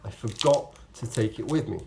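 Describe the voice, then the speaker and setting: A man's voice: mid-range voice, animated, normal speed, gravelly, dark tone, a little hiss or hum. Casual male vlogger with a rambling delivery. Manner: rambling, self-correcting explanations with acted-out quotes of own thoughts. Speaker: vlogger, amateur marathon runner. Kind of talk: casual, chatty vlog to camera.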